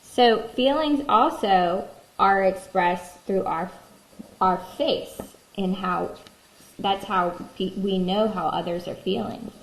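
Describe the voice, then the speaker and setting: Female kindergarten teacher, unhurried storytime read-aloud for toddlers, simple questioning delivery, echoey room. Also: mid-range voice. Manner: reading to a toddler: simple words, gentle questions to the listeners. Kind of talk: reading a picture book aloud to young children. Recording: echoey room, faint background noise.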